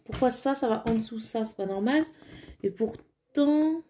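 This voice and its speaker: A woman's voice: on the high side, brisk, warm tone, a little hiss or hum. Chatty French-speaking woman crafting at home. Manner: chatty, thinking aloud with fillers and little "tac" sounds. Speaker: crafting vlogger. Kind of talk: casual hands-on crafting chat.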